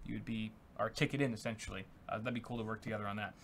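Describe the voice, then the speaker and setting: Reading viewer donation messages aloud on the tech show he co-hosts, this young man is upbeat and chatty, packing his speech with fillers. He talks fast in a lowish, level-toned, somewhat bright voice, with faint noise in the background.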